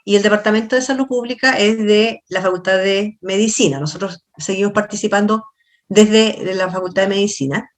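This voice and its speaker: A Chilean-accented university lecturer, a woman in middle age, runs an online class lecture over video, conversing with and questioning students while explaining haltingly. Her voice is mid-range.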